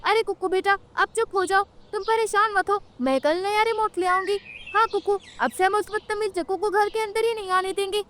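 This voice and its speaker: Woman doing a gentle mother sparrow. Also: very high-pitched, fairly even intonation, fairly quick, slight background noise. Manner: soothing, polite.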